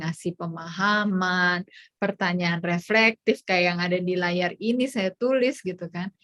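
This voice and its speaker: A woman psychologist giving an online parenting workshop, explaining in a chatty way and acting out what a parent might say. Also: mid-range voice. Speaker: child psychologist speaker.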